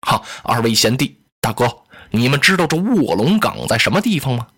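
A man doing a gentle, courteous lord. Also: mid-range voice, a little fast, husky, pitched below the performer's own voice, heavily acted. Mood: courteous calm. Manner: polite, calm, soft-spoken. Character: courteous gentle eldest-brother lord, male adult. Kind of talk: Chinese oral storytelling.

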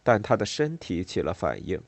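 A man narrating a novel in a measured reading style with expressive, varied intonation. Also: deep voice, gravelly, breathy edge, dry recording. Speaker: audiobook narrator.

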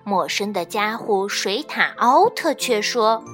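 Expressive woman reading a kids' story. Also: medium pitch, takes it slowly, husky. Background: faint children's music.

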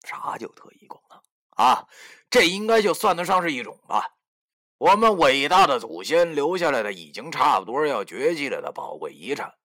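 A man's voice: on the high side, sing-song, normal speed, fairly bright tone. A man narrating a first-person web novel in a wry, mocking, slangy manner. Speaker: storyteller.

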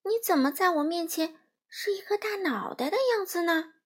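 A woman voicing a bold young girl who speaks up loudly and indignantly. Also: extremely high pitch, expressive, normal speed, pitched above the performer's own voice. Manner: loud, indignant, exclaiming.

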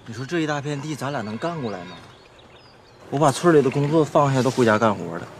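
A man plays a hurried farm son, mid-pitched and fast, explaining himself defensively with faint outdoor animal sounds behind him. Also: animated, a little hiss or hum, natural voice. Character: busy rural son.

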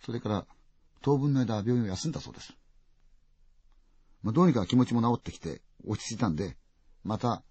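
A man telling a ghost story dramatically, full of vivid sound words and swinging from loud to hushed. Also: medium pitch, expressive, brisk, long pauses, husky, dry recording. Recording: dull, dry lo-fi recording.

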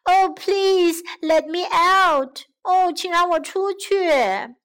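A woman's voice: high-pitched, big pitch swings, slow pace, a bit bright, exaggerated voice. A woman voicing a timid small mouse that pleads anxiously in a children's storybook. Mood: tired begging. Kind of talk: bilingual children's storybook reading.

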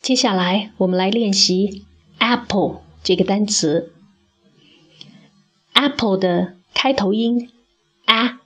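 Slow, husky woman teaching pronunciation. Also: mid-range voice, a bit bright. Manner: slow, careful, demonstrates sounds for repeating. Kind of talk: scripted phonics lesson.

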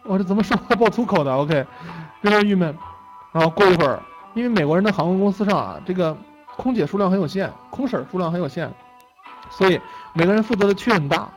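A young man with a fairly high voice tells stories in a relaxed lecture. He is chatty, laughs easily and tags his lines with quick "OK"s. Faint music plays softly behind him. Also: poor audio. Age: young adult. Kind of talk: casual storytelling lecture.

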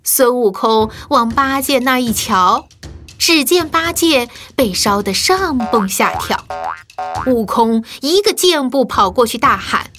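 Lively woman telling a children's story. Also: fairly high pitch, takes it slowly. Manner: lively, expressive narration. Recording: faint music behind.

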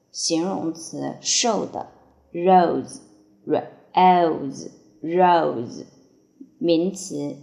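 A woman's voice: deep voice, gravelly. Teacher, female, spells out vocabulary word by word at a crawling pace; roomy echo. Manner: spells words letter by letter and gives meanings. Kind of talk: slow word-by-word dictation lesson. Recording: echoey room.

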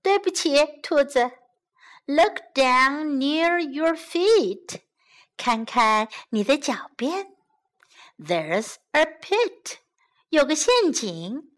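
A wise, kind monkey from a children's storybook, as a woman voices him. He speaks slowly and clearly in a high, lively voice. His tone is calm and friendly. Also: exaggerated voice. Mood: helpful. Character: clever, helpful male monkey. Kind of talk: bilingual children's storybook reading.

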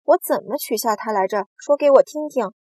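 A woman voicing a boastful, cheeky male giant centipede in a storybook reading, bragging and teasing loudly. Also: medium pitch, expressive, normal speed, creaky, breathy edge, dry recording.

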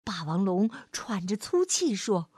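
A woman storyteller narrating a bedtime story for children, speaking gently and expressively and calling the listener "baby". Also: mid-range voice, sing-song, unhurried, breathy edge, no echo, studio quality.

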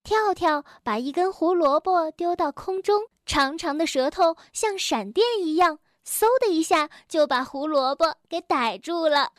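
Lady reading a kids story, high voice, slow and gentle, dry close mic. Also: lively intonation, dry recording. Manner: gentle and unhurried. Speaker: children's storyteller. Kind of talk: reading a children's story aloud.

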